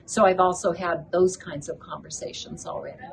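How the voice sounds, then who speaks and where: A woman's voice: lowish voice, fairly even intonation, moderate pace, gravelly, slight background noise, poor audio. An older woman who grew up in Ethiopia, a children's book author, speaking earnestly as an interview guest at a conference. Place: conference venue.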